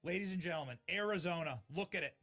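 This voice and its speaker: A man hosting a live election-night stream from a studio, giving excited commentary and shouting gleefully at the results map. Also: high voice, fast, faint music behind.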